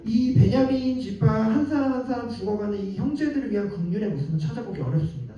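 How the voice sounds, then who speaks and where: A male pastor with a high but very dark, mellow voice preaches in a chatty, questioning way to young adults. He sounds far from the mic in a booming, echoey hall. The recording is dull and lo-fi. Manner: conversational, often asks the congregation questions. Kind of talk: sermon to a young adults' group.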